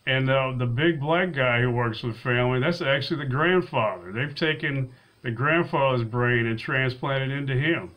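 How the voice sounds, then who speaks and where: A man's voice: medium pitch, moderate pace, highs cut off. A man recapping a film's plot in a casual, rambling way, often restarting his sentences. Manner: rambling, with frequent restarts and fillers. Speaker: movie reviewer. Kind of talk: casual spoken film recap.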